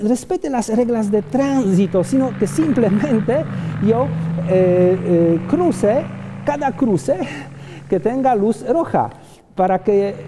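A middle-aged man, a friar, giving a chatty, plain-spoken sermon outdoors while riding a motorbike on a city street. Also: very high-pitched. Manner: chatty, plain-spoken, with homely everyday examples. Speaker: friar preacher. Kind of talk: informal sermon on the road. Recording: open-air street with traffic noise. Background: passing cars and street traffic.

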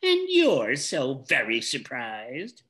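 A man reading the lines of a sharp-tongued, curt old witch from a book. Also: medium pitch, huge pitch swings, takes it slowly, full character voice. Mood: snappish. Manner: curt, snappish.

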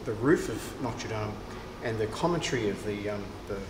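A man, a cathedral's director of music, answering interview questions thoughtfully with many pauses and restarts. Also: lowish voice, expressive. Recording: echoey cathedral with long reverb and clear background noise.

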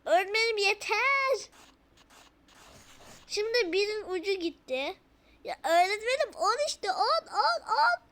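A woman's voice: very high voice, expressive, takes it slowly, pauses often, pushed and bright, voice pushed up, full character voice. A woman voicing a whiny young schoolgirl who protests to her teacher. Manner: whining, protesting.

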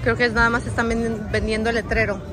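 Speaking fast in a high voice with little pitch movement, this woman vlogs a walking tour through a big outdoor swap meet, chatting with her viewers as if they were friends. Her handheld phone camera records on the move, with market crowds talking and music playing around her.

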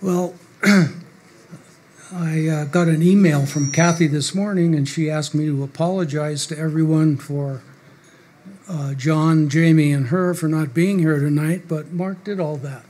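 An older man appears as a guest speaker on a small club stage, reading prepared, wry remarks from paper into a stand mic at a podium. His voice is fairly high, steady, and mellow, and his delivery is measured and dry.

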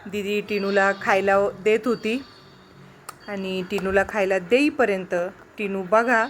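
A woman's voice: mid-range voice, steady tone, measured pace, a bit bright, slight background noise. A woman talking casually in a home vlog at night, cooing baby talk at her pet parrot between remarks to viewers.

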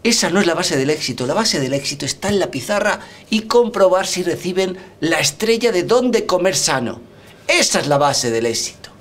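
A man in his thirties co-hosting in a brisk, teasing way, reading questions at a restaurant table. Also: sits high, sing-song, a bit bright. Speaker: co-host. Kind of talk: lively quiz-style hosting. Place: restaurant dining room.

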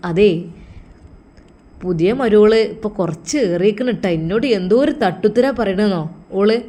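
A sharp-tongued older mother-in-law, put on by a woman storyteller complains and scolds in a raised voice. She speaks with a Malappuram Malayalam accent. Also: medium pitch, normal speed, close to an everyday voice. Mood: complaining.

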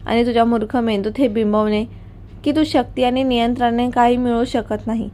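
A woman's voice: fairly high pitch, fairly even intonation, a little fast, mellow, natural voice. Woman reading the lines of a cold, arrogant young husband. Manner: cold, commanding, scornful. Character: arrogant domineering rich young husband, male.

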